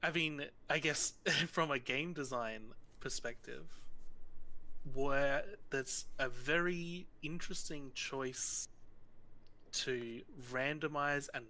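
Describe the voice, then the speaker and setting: Slow-talking man with a bright voice. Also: medium pitch, rough recording. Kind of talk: casual conversation.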